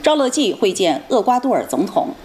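A woman anchoring television news in standard mainland Mandarin, reading a script formally and authoritatively with crisp articulation. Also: medium pitch, big pitch swings, fairly quick, darkish tone, slight background noise.

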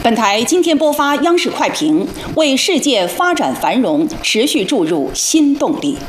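A woman's voice: a little high, very animated, measured pace, reverberant, a little hiss or hum. A woman reading scripted headlines as a formal news anchor in standard mainland Mandarin. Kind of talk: scripted national newscast.

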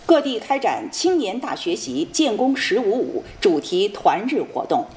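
A woman with a standard mainland Mandarin accent reading scripted news headlines as an anchor, formal and measured. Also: mid-range voice, very animated, darkish tone. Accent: standard mainland Chinese Mandarin.

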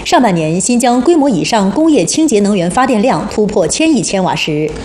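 A woman's voice: medium pitch, very animated, fairly quick, darkish tone. A woman presenting the news as a formal anchor in standard mainland Mandarin, reading a script in a television studio. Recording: roomy studio echo, faint noise.

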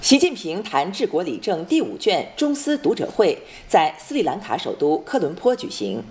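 Female, formal news anchor, standard mainland Mandarin, slightly low register, highly varied intonation, scripted and measured. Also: big pitch swings, a little mellow. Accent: standard mainland Chinese Mandarin. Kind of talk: scripted broadcast news reading.

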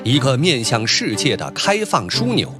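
A man's voice: mid-range voice, huge pitch swings, moderate pace. A man reading formal scripted news narration in declarative phrases. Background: clear music bed.

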